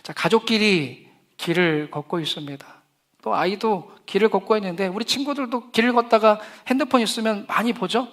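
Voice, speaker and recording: A middle-aged man preaching a sermon as pastor to young people, lively, with humor and acted quotes. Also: high-pitched, brisk.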